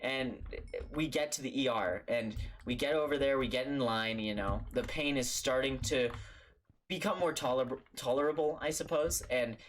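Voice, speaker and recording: A man's voice: mid-range voice, fairly bright tone, slight background noise. A young man telling a childhood story for a storytime vlog, rambling and stammering with lots of fillers.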